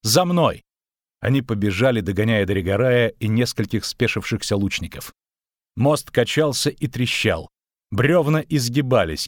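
A man narrating an audiobook in a steady, dramatic reading. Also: medium pitch, dry recording, clean studio sound. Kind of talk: scripted narration.

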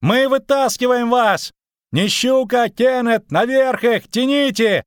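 A man voicing a frantic male bard who yells in panic from above. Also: extremely high pitch, slow, clean tone, dry recording, clean studio sound, pitched above the performer's own voice. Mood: frantic shouting. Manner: yelling, panicky.

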